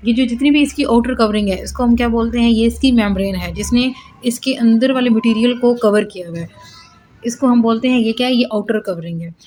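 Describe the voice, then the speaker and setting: A woman's voice: on the high side, fairly quick, a little mellow, faint music behind. A woman teaching biology at a whiteboard in a lecture style, explaining step by step, posing questions and answering them herself, and mixing English terms into her speech. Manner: mixes English terms into Hindi.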